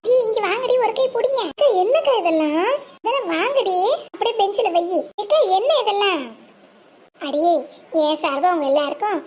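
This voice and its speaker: A performer voicing a generous, bossy village elder sister who scolds and cares in the same breath. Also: female voice, extremely high pitch, brisk, a little hiss or hum. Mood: excited. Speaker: lead sister running a home business.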